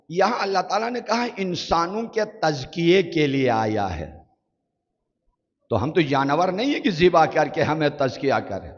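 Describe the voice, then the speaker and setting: Male cleric, Pakistani Urdu accent, fairly high voice, declaiming a sermon, long hall reverb. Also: muffled recording. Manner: rhetorical questions, declaiming Arabic verses slowly. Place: large prayer hall.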